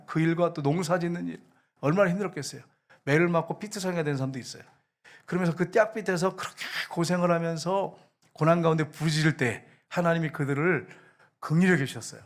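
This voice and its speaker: A man with a Gyeongsang accent preaches a sermon to his congregation. His voice sits fairly high for a man, and he keeps posing questions to the listeners and then answering them himself. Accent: Korean, Gyeongsang. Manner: addresses congregation directly, asks and answers questions. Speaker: pastor.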